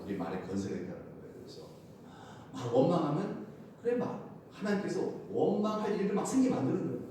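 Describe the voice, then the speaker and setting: A man preaching a sermon as pastor, lively and playful, often laughing and calling out to the congregation. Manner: animated, shouts acted crowd cries, laughs often. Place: church sanctuary. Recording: loud echo, from far off, faint rumble.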